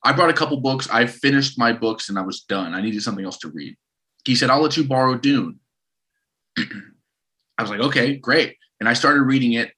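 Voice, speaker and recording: A man in his thirties co-hosts a casual podcast, telling stories in an animated, rambling style and frequently restarting his sentences. His voice is medium-pitched at a normal speed.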